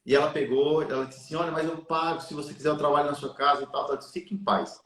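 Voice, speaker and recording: A man's voice: a little high, fairly even intonation, fast talker, a bit bright, echoey room. A man telling a long personal story in a live chat, drawing a lesson about giving and faith in an earnest, preachy way. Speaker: live stream guest.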